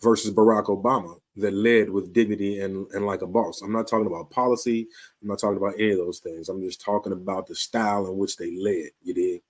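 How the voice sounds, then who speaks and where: Host, male, 50s, lowish voice, laid-back streetwise chat to camera. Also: fairly even intonation, fast. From Chicago, USA. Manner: conversational, streetwise, repeats "you dig". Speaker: show host. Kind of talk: casual talk to camera.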